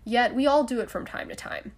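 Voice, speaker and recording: A young adult woman hosts a solo podcast, chatting casually with frequent laughs and fillers. Her voice is a little high and she talks a little fast.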